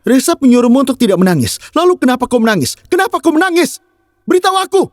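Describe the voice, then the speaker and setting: A man's voice: very high voice, big pitch swings, fast talker, no room sound, studio quality. An actor dubbing a hot-headed young husband who scolds and pleads with his wife in a TV drama. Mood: scolding. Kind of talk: dubbed TV drama.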